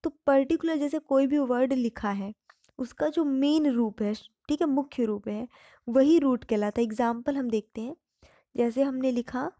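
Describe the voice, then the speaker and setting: A woman's voice: sits high, moderate pace, warm tone, dry recording, clean studio sound. A woman teaching English grammar in Hindi, patiently explaining each term and repeating examples.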